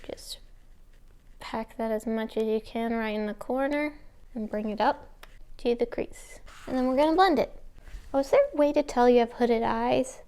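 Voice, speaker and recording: A woman's voice: on the high side, normal speed, dark tone. A woman chatting casually through a makeup tutorial in a rambling, informal, self-deprecating way. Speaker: makeup vlogger. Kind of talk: casual chat while doing a makeup tutorial.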